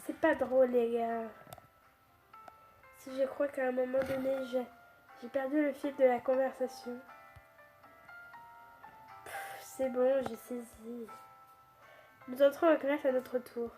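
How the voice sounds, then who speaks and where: A woman's voice: high voice, little pitch movement, unhurried, pauses often, mellow, faint music behind. A woman reading a first-person story aloud, chatty, with restarts and asides.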